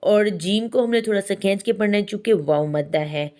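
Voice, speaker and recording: A woman's voice: medium pitch, warm tone. Patient woman teaching recitation rules. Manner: patient, methodical, models pronunciations slowly. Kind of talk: step-by-step explanatory lesson.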